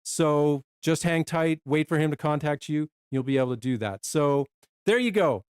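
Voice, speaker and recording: A man co-hosting a casual product live stream, chatty and quick, sometimes short of breath. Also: on the high side, smooth, no echo, clean studio sound. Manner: chatty, talks fast and runs out of breath.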